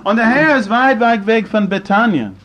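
A man preaching a sermon in slightly broken German, firing rhetorical questions at the congregation and swinging between loud and hushed. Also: sits high, moderate pace, muffled recording.

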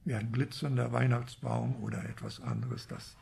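A man's voice: mid-range voice, huge pitch swings, normal speed, gravelly, a little mellow. A man preaching a Bible teaching sermon, reflective and asking rhetorical questions.

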